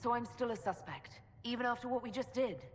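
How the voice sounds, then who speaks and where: A woman's voice: a little high, a little fast, big-room sound, slight background noise, close to an everyday voice. A woman playing a wary young elf heroine in a fantasy video game, guarded and questioning. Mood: wary, confused. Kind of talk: dramatic video game acting.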